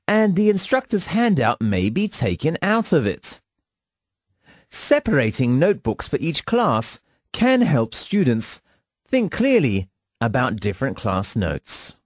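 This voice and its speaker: A man delivering a scripted instructional monologue in a measured, formal teaching manner. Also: mid-range voice, wildly swooping pitch, dry recording, clean studio sound. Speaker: lecturer.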